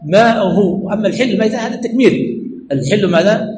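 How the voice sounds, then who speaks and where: High-voiced, quick sheikh teaching in echoey room. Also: male voice, darkish tone. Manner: rhetorical questions answered himself, repeats key words. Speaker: sheikh teaching hadith studies. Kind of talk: classroom lesson. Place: religious study center classroom. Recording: echoey room with faint ambient noise.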